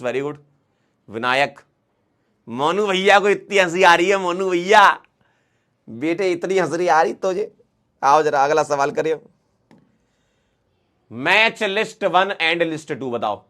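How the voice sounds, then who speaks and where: A man teaching a chemistry class, working through exam questions in a lively, playful way and coaxing students along. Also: on the high side. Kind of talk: online class lecture.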